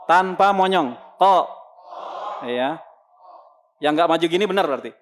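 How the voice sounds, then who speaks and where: A man's voice: a little high, animated, normal speed, fairly bright tone, a little hiss or hum. A man teaching a congregation how Arabic letters are pronounced, asking questions and answering them himself, then sounding the letters out. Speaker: Quran recitation teacher. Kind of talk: lesson to a congregation.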